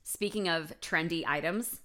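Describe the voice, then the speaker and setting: A woman co-hosts a casual chat, playful and chatty, bringing her stories to life. Her voice sits a little low for a woman. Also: unhurried. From United States. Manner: chatty, playful, animated storytelling. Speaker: podcast co-host.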